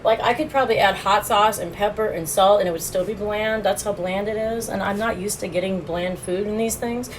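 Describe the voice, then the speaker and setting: A woman's voice: medium pitch, fairly even intonation, a little fast, few pauses, slight background noise, low-quality recording. A woman streaming a casual food review, chatting with her viewers and laughing often as she eats, recorded on a phone. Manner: chatty, laughs often, talks while eating.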